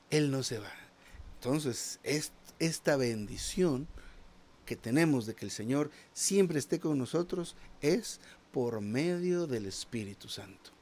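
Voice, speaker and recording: A man with a medium-pitched, somewhat dark voice preaches a sermon in a conversational way, with a little hiss or hum in the recording. He frequently asks the congregation "¿verdad?" and repeats small words while hunting for his next phrase.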